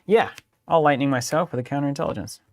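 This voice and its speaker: A man's voice: on the high side, quick pace, no echo. A young man co-hosting a card game live stream, narrating each play like a playful sports commentator. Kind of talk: casual playthrough banter with mock commentary. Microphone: studio microphone.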